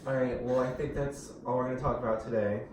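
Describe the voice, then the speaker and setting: A man's voice: mid-range voice, steady tone, quick pace. A young man chatting casually as a co-host, telling rambling stories full of fillers and laughs. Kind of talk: casual chat. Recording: echoey room, far from the mic, noisy.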